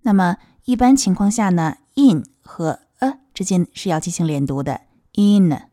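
A woman teaching English pronunciation of a children's song, modeling each sound slowly and clearly. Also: on the low side, dark tone, no echo, clean studio sound. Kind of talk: explaining song lyrics and pronunciation.

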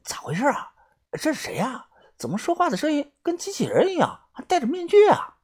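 A narrator voicing a nosy, jumpy young man in an audiobook, talking in a hushed, curious way. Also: high voice, huge pitch swings, brisk, slightly rough, heavily acted. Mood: whispering. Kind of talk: audiobook character voice.

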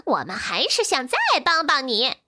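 A woman's voice: high voice, moderate pace, no echo, clean studio sound, exaggerated voice. Woman putting on a cheeky young monkey. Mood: excited. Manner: excited, giggly. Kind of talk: storybook character voice.

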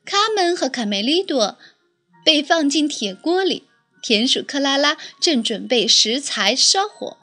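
A woman reads a children's storybook aloud in a lively, expressive manner. Her voice is high, bright and very animated, with faint music playing behind the reading. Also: a little slow.

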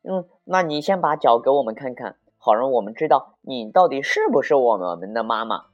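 Brief: man voicing tiny defiant goat kids for a kids' story, high shouting. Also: sing-song, moderate pace, dull audio, soft background music. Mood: wary.

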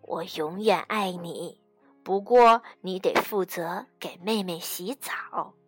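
A woman voicing a loving, patient mother in a bedtime storybook, speaking softly and gently. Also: lowish voice, slow pace, slightly rough, no echo, soft background music, voice pushed down. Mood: tender. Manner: soft, gentle reassurance.

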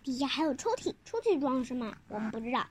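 A child telling a picture-book story informally, halting, repeating words and asking the listener questions. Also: sits high, very animated.

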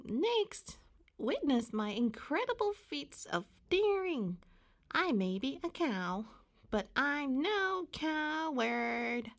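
A woman voicing a squeaky, boastful cow party entertainer in a children's story, announcing in a hammy, theatrical way. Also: sing-song, slow pace, full character voice. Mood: showy, boastful.

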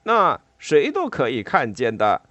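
A man voicing a cheerful, confident male water rat in a storybook reading, chiding and lively. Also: mid-range voice, measured pace, no room sound. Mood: scolding.

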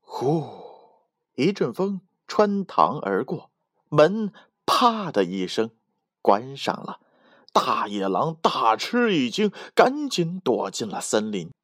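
A man reading a children's story aloud in an animated, drawn-out way. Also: mid-range voice, dry recording, studio quality.

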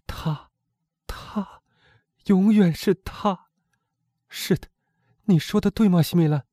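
A man's voice: high-pitched, mellow, no echo, clean studio sound. A man voicing a young woman in despair who pleads with her beloved, in an anguished, imploring audiobook reading.

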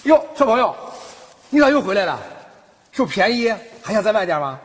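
A loud pushy street vendor. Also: male voice, high-pitched, very animated, a little fast, slightly rough, exaggerated voice. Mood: blustering. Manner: loud hawking, blustering. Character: pushy shouting male street stationery vendor. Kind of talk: sitcom acting.

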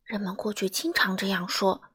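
A woman reading a children's picture book aloud in a lively, expressive, dramatic way. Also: mid-range voice, normal speed, slightly rough. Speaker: storyteller for children.

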